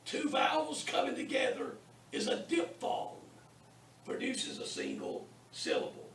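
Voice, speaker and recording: A man teaching a beginners' Greek class in a classroom, drilling sounds slowly and deliberately with lots of repetition and a teasing sense of humor. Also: very high voice, fairly bright tone, far from the mic, a little hiss or hum. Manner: wry, teasing humor with students. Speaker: Bible college Greek teacher. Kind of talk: classroom lecture. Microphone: distant room mic. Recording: echoey classroom taped from afar.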